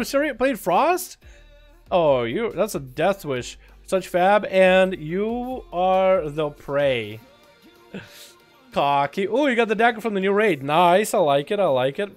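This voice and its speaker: An American-accented man who speaks Russian hosts livestream commentary on game duels and chats with viewers, excitable in his play-by-play and shouting at big moments. His voice sits high and his pace is unhurried, with soft background music.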